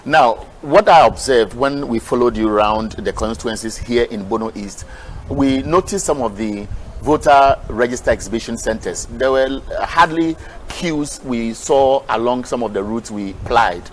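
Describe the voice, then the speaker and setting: A man's voice: medium pitch, moderate pace, slight background noise, low-quality recording. A man interviewing a guest, asking long, wordy questions with restarts.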